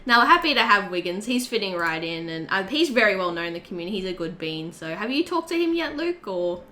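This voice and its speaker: Bright-voiced chatty woman podcast host. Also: mid-range voice, fast talker. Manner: chatty and animated, frequent "like" fillers. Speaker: podcast co-host and community co-leader. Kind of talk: casual podcast chat.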